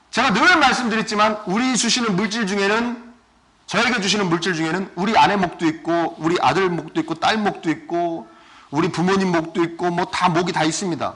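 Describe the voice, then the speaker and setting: A male pastor giving a sermon, asking his congregation questions and swinging between loud and soft. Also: high voice. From South Korea. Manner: asks the congregation questions often.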